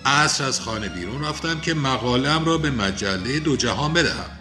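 Guy reading stern bossy dad, clipped and severe, bright forceful tone. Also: mid-range voice, animated, faint music behind. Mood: tense. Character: stern, imperious middle-aged father.

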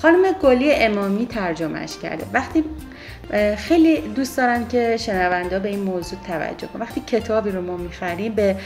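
A woman's voice: mid-range voice, lively intonation, a little mellow, faint music behind. Woman guest recommending a book. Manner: hesitant, with fillers. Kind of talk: casual talk.

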